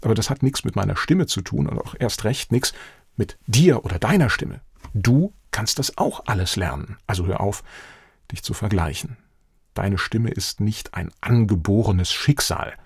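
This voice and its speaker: A man in his fifties coaching the listener head-on, his pitch swinging widely as he makes each point. His voice is gravelly and a touch husky, and it sits in a dry, close space with no room sound. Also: moderate pace, no room sound. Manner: direct, animated, addresses listener as "du".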